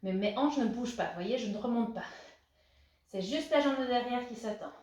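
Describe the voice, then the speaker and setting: A woman's voice: on the high side, brisk, a little mellow. A young woman coaching a postpartum workout class, cheering and counting reps as she moves through the exercises. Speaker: fitness coach. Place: room at home, moving around away from the camera. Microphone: camera at a distance. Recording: roomy echo, voice from a distance.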